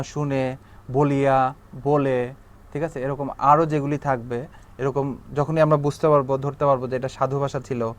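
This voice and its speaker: A man with a Bangladeshi Bengali accent giving a recorded exam-prep grammar lecture, repeating examples and checking understanding after each point. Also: mid-range voice. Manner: drills examples, asks "ঠিক আছে?" after each point.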